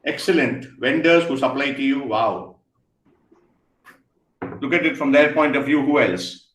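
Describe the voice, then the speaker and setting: A man giving an energetic online lecture, firing questions at students and praising their answers. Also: mid-range voice, measured pace. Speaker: guest speaker. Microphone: video call. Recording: echoey room, faint noise.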